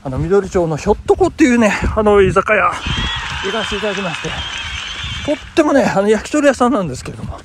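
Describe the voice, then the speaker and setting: A man's voice: sits high, very animated, fast talker. A man hosting a casual solo podcast, telling a story in a polite, chatty way with many fillers. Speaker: podcast host and amateur rakugo performer. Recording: noisy background.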